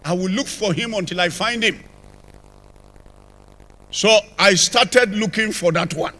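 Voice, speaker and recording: In a large church, an older church apostle with a Nigerian accent shares his conversion story as a testimony sermon. His high-pitched, unhurried voice comes through a handheld mic, with abrupt jumps and dips in volume.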